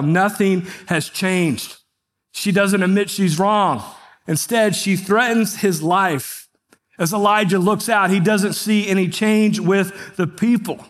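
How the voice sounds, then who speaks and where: A pastor preaching a sermon, reading scripture aloud and talking with the congregation in a conversational way, asking them questions. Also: male voice, sits high, fairly bright tone. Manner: reads scripture aloud between comments.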